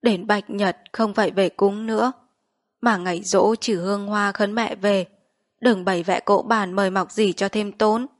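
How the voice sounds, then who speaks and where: A woman voicing a dying elderly mother who gives calm, firm instructions about a frugal funeral. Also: medium pitch, measured pace, no room sound, studio quality, lightly acted.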